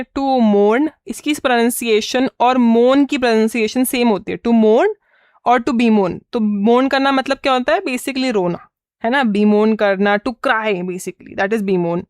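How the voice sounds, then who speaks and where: A woman with an Indian English accent leads a vocabulary lesson at an unhurried pace, repeating key words to drive them home. Her voice is smooth and clear and sits a little high. It is recorded dry and close. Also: dry recording. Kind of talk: exam-prep lesson.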